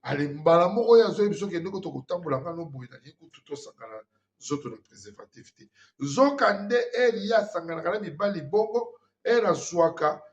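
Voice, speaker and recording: A man, hosting an earnest spiritual warning talk and mixing in French phrases. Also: sits high. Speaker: host. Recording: dull lo-fi sound.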